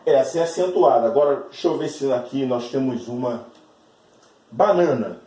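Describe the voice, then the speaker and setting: A man teaches a recorded lesson, explaining step by step and often pausing to check that students follow. His voice is mellow and sits a little back from the microphone. The room around him is echoey. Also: medium pitch, lively intonation, distant mic. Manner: patient, checks in often with tag questions. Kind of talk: recorded online grammar lesson.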